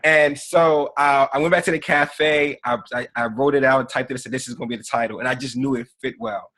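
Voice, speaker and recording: A man in his thirties, a podcast guest and author, telling a story earnestly in a conversational interview, often trailing off softly. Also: medium pitch, fairly even intonation, brisk. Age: 30s.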